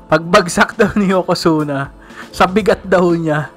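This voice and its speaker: A man chatting casually and telling stories with animated quotes. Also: unhurried, faint music behind. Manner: animated storyteller, acts out quotes in a high voice. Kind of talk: casual chat.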